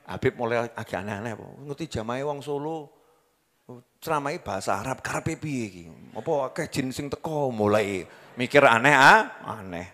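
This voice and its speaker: A man's voice: mid-range voice, animated, moderate pace, sharp tone, in a large hall. A man with a Javanese accent preaching a sermon, joking and quizzing his audience as he goes. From Java, Indonesia. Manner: jokey, asks the crowd questions, mixes in local dialect.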